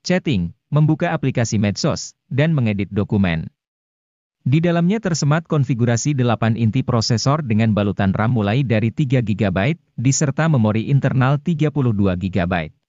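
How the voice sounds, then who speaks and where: Scripted narration for a product review comes from a man with an Indonesian accent, speaking formally and informatively right up at the microphone as voice-over. His medium-pitched voice is a little mellow. The audio is dry and lo-fi.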